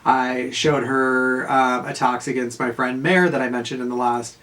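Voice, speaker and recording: A man, telling a casual, profane story in a rambling monologue full of fillers and quick laughs. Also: mid-range voice, fairly even intonation, a bit bright. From Southern California. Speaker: vlogger.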